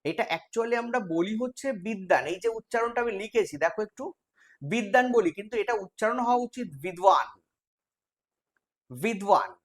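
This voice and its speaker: Very high-voiced and quick, this man, who has a West Bengal accent, runs a live online class preparing students for exams. He breaks explanations into steps and puts questions to the class.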